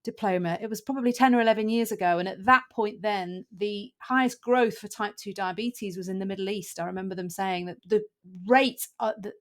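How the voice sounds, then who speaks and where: Thoughtful woman doctor hosting a podcast. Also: mid-range voice. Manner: thoughtful, measured, frequent affirming murmurs. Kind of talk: casual conversation.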